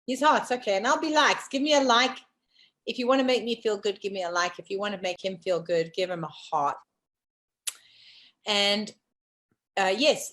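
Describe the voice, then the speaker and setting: A woman hosting a casual live online talk show, bossy and teasing, quick to laugh. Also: medium pitch, a bit bright. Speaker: host. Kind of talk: casual chat.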